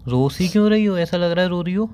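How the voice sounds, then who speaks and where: Insistent young man, fast talker. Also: high voice, a little mellow, smooth. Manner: insistent, pressing questions, scolding. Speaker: boyfriend on a phone call. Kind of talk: staged phone-call conversation.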